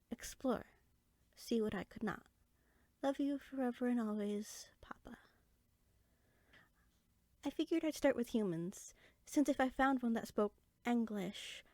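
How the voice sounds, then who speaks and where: A woman voices an inquisitive, amiable young fairy sorcerer in a conversational roleplay audio drama, eager and talkative with soft asides. Her pitch is on the high side, and the recording is dry.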